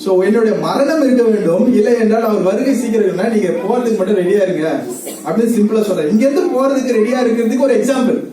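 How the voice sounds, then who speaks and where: A man's voice: high-pitched, expressive, fast, very echoey, distant mic, a crowd in the background, poor audio. A male preacher giving a sermon, asking the congregation questions, repeating their answers and laughing often. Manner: laughs often while talking.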